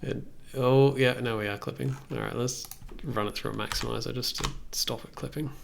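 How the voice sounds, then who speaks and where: A man in his thirties with a mid-range, gravelly, creaky voice talks a little fast with fairly even intonation. He's thinking aloud, casual and hesitant, while working on a music production livestream. Faint noise and keyboard and mouse clicks sit in the background.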